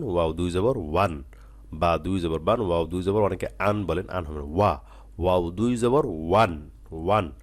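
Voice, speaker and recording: Low-voiced male teacher. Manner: repeats letters slowly, then explains briskly. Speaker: Quran reading teacher. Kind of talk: slow drilled recitation lesson.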